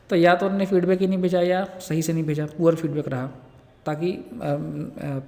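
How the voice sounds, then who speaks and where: A man lecturing nursing students, reading English points slowly and then explaining them in casual terms. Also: a little high, a little mellow, big-room sound. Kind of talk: Hindi lecture explaining from slides.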